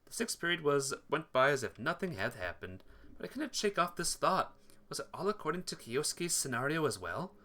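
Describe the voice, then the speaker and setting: A man reads visual novel text aloud as narration, acting out the dialogue and sometimes stumbling over words before correcting himself, with music playing behind him. His voice is fairly high, bright and forceful, very animated and brisk.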